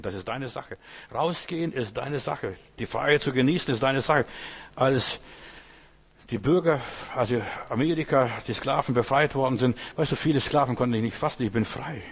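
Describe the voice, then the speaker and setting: A man delivers a sermon in a husky, slightly breathy voice of middle pitch. He preaches with insistent repetition, stacking parallel phrases and turning often to the listener to drive each point home. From Asia. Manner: repetitive, emphatic preaching with rhetorical questions to the listener.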